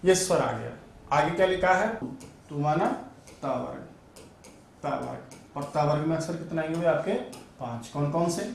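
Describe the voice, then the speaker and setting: In an online Sanskrit grammar class, a man drills sounds out loud and asks and answers his own questions. His voice is a little high, with some hiss or hum in the recording. The space is very echoey, and he's somewhat distant from the microphone.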